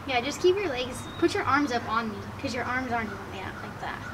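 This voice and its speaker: A woman's voice: on the high side, expressive, fast talker, recorded from a distance. An American woman in her twenties, bantering casually and playfully bossy as she strains under a heavy load. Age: 20s. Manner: playful, bossy, often laughing. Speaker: vlogger doing a fitness challenge. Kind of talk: casual banter during a couple's challenge. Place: residential backyard, outdoors. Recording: noisy, windy outdoor camera audio.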